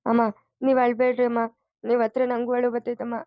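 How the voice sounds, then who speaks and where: A devoted young foster son, acted by a woman, speaks in a soothing, pleading way. His voice sits fairly high and stays flat in melody. The cartoon track sounds dull and dry. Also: quick pace, dry recording, close to an everyday voice. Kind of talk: cartoon voice acting.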